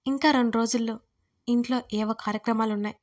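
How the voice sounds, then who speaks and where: A woman's voice: on the high side, fairly even intonation, quick pace, close to an everyday voice. A woman voicing a feisty, playful young woman who sulks and talks back with sarcasm, in a storybook reading. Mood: sulky. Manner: sulky, sarcastic.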